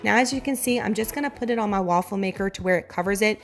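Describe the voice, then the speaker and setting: Over soft background music, a Southern US woman narrates her meal prep in a casual cooking voiceover, talking quickly in a mid-range voice. She is an enthusiastic, direct home cooking vlogger, though her voice sounds congested and is giving out.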